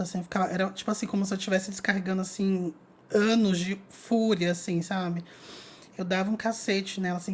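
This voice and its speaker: Lively young woman chatting to her followers, telling a story, voice right in the middle. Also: mid-range voice. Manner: lively, chatty, addresses viewers as "gente". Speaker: spiritual content creator. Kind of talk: casual storytelling to an online audience.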